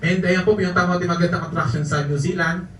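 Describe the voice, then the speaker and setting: This network marketing speaker's voice sits high and a bit bright, with a steady tone and quick pace, as he tells funny travel stories to a live audience and laughs often. The recording comes from far off in an echoey event hall full of audience noise.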